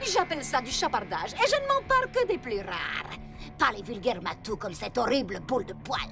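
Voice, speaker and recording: A woman's voice: fairly high pitch, sing-song, brisk, gravelly. A woman voicing a sly, greedy female cat thief villain in a cartoon, gloating and theatrical. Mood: scheming. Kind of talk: cartoon dub acting. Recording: loud cartoon music behind.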